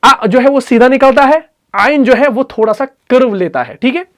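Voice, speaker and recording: A man with an Urdu accent teaching Quran recitation rules, patiently repeating letters and sounds slowly. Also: very high-pitched, expressive, a bit bright. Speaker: tajweed teacher.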